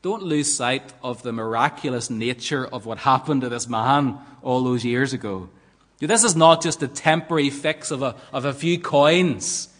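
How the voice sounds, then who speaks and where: A man's voice: medium pitch, normal speed, fairly bright tone. A man preaching a sermon in an earnest, emphatic way, often asking rhetorical questions. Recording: long reverb of a large hall.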